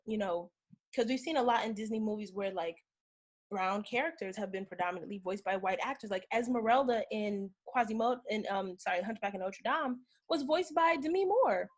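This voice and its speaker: A woman co-hosting a casual podcast chat, talking in an animated, emphatic way and laughing often. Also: mid-range voice. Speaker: podcast co-host.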